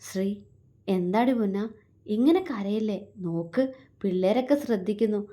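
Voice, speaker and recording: A woman voicing a caring young man who comforts his beloved in a gentle, soothing way. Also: mid-range voice, moderate pace, close to an everyday voice.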